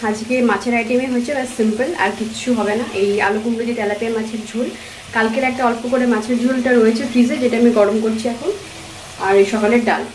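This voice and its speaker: A woman's voice: on the high side, steady tone, fast, a little mellow, a little hiss or hum, rough recording. A woman in her thirties from Bengal, chatting casually to viewers as she does housework and cooks at home. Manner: chatty, explains chores to viewers. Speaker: vlogger and homemaker. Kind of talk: casual vlog narration. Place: home kitchen.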